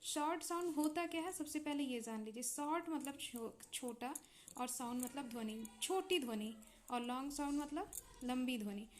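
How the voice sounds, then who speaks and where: A woman's voice: high voice, a little hiss or hum. A woman with an Indian accent teaching English vowel and consonant sounds, patiently repeating examples and checking in with her students. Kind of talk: explaining English phonics in Hindi.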